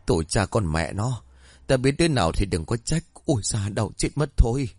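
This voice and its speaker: A man voicing a coarse, jealous middle-aged village aunt who yells curses. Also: fairly low pitch, very animated, moderate pace, breathy edge, no echo. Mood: cursing in pain. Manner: foul-mouthed, yelling curses.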